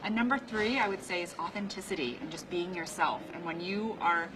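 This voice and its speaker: Speaking briskly in a fairly low pitch, this thirtysomething American woman, a native Chinese speaker, is an upbeat guest in a casual interview shot on location in a car, office and rooftop. Background noise and a music bed sit under her words.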